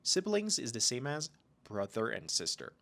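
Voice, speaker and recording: A man's voice: mid-range voice, wildly swooping pitch, gravelly, fairly bright tone. A man hosting an English-learning podcast, reading a scripted lesson and carefully drawing out example phrases. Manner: slow, careful delivery with drawn-out example phrases. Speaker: English teacher, podcast host.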